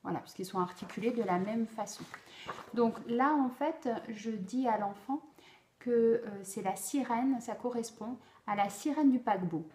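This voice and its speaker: A woman explaining how to teach a speech sound to children, slow and deliberate, with frequent pauses and fillers. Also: fairly high pitch, mellow. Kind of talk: instructional explanation for parents. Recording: echoey room.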